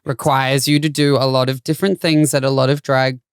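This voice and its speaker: A man's voice: mid-range voice, little pitch movement, brisk, smooth, no echo, clean studio sound. A man from New Zealand co-hosting a podcast in casual chat, hesitant with lots of fillers. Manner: hesitant, lots of likes and ums. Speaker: podcast co-host.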